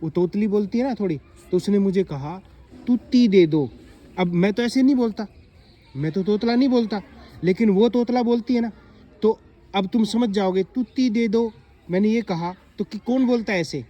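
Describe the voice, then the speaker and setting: Man, high voice, classroom teacher, quizzes the kids, reads examples slowly. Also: dark tone, muffled recording. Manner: repetitive questioning, drawn-out reading of example sentences. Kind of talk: classroom explanation to children.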